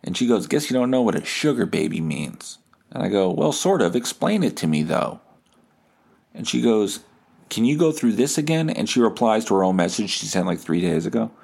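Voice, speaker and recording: Speaking at normal speed, a man with a fairly low, creaky, darkish, slightly rough voice tells a story on his podcast with great animation. The tone is casual and comedic, full of profanity and self-deprecation, and he voices message exchanges as dialogue.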